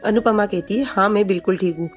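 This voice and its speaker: A woman's voice: mid-range voice, fast, faint music behind. A woman retelling the plot of a TV serial episode in a plain, casual narrating voice, reading the characters' quoted lines without acting them out. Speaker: storyteller recapping a TV serial. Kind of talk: casual spoken recap narration.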